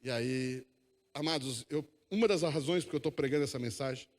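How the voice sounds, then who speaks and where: A man's voice: medium pitch, brisk. A man preaching a sermon, emphatic, calling the congregation to repeat after him. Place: church hall. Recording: long echo of a church hall.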